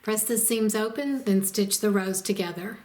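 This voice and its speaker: A woman narrating a step-by-step quilting tutorial as the instructor, in a calm and methodical way. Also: medium pitch, normal speed. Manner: calm, methodical, explains each step plainly.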